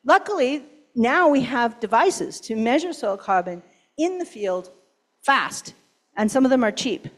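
A woman's voice: fairly high pitch, lively intonation, a little slow. A woman giving a conference keynote and answering questions, emphatic and urgent, often posing rhetorical questions. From Pacific Northwest, US. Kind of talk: conference talk and Q&A.

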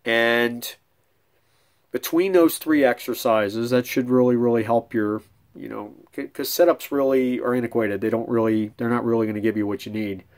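A man's voice: medium pitch, fairly even intonation, moderate pace, darkish tone. Middle-aged guy, bowling coach vibes, talks loose with lots of ums, filmed on a phone at home. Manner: conversational, many restarts and ums, demonstrating with hands. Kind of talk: casual instructional vlog. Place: small room at home, indoors.

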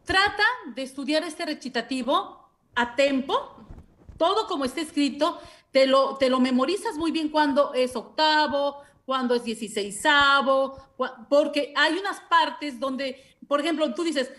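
A woman's voice: high-pitched, a little slow, fairly bright tone. A woman voice teacher with a Mexican Spanish accent, giving patient masterclass coaching with affectionate diminutives and short sung examples.

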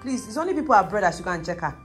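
A young adult woman with a Nigerian accent chats expressively to her travel vlog, holding her phone at arm's length in hotel rooms. Her mid-range voice races along with big pitch swings, and faint music plays behind her.

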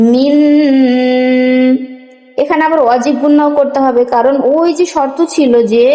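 In a room with long, echoing reverb, a woman leads a step-by-step Quran recitation lesson. She patiently spells out letters and asks questions along the way, her voice high-pitched with a darkish tone.

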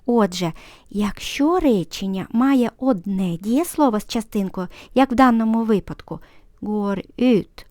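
A woman teaching a language lesson, patiently explaining grammar and repeating example sentences slowly and clearly. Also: medium pitch, darkish tone, no echo.

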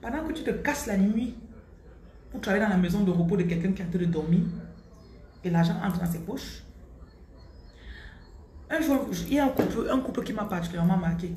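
A woman telling her own life story in a motivational vlog, animated and repeating words for emphasis, dropping English phrases into her talk. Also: mid-range voice, brisk, long pauses. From Central Africa. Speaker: motivational vlogger. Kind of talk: personal storytelling monologue. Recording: roomy with faint background noise.

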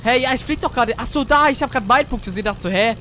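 A man giving casual gaming commentary, excitable and chatty as he plays with a teammate. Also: extremely high pitch, very fast, slight background noise. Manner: excitable, swears casually, talks to teammate while playing. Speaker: gamer.

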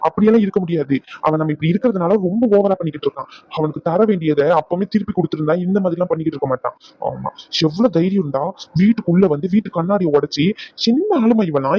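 Voice actor as an angry rapid-talking family man. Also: sits high, no echo, highs cut off. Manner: angry, demanding.

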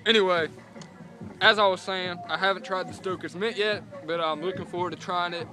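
A young Southern US man with a high voice reviews things casually in the open air. He talks around a lip full of dip and spits, rambling and cursing freely. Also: steady tone, fairly quick, music in the background. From North Carolina, USA. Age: young adult. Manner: profane, rambling. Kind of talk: casual outdoor review vlog. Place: outdoors in a rural yard by parked vehicles. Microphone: camera set on a car, about a meter away.

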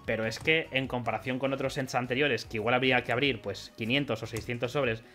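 A man's voice: medium pitch, brisk, faint music behind. A young man from Spain with a Spanish accent, rambling chattily while opening trading card packs for his channel. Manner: chatty, rambling, bursts into excited shouting and laughter. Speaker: card collecting youtuber. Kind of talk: pack opening vlog.

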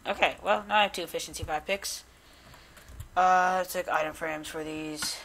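A man giving casual gameplay commentary, rambling and chatty with many restarts and quick bursts of excitement at small finds. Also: fairly high pitch. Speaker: gamer recording gameplay.

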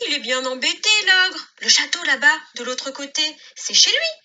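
A woman reading a children's story aloud in a playful, expressive way. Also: sits high, moderate pace.

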